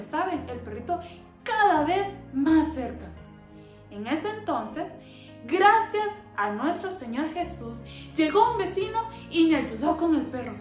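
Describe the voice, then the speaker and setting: A woman telling a children's story in a lively way, often asking the children questions. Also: high voice, echoey room.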